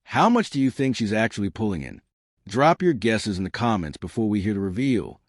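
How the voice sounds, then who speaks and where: Dramatic low-voiced male commentator. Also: sing-song, a little fast, dry recording, studio quality. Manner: dramatic, rhetorical questions. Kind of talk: scripted narration.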